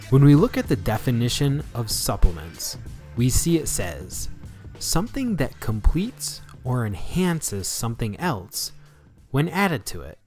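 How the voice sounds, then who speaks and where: American man hosting, lively, swooping intonation. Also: mid-range voice. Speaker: radio show host. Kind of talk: scripted solo health talk show.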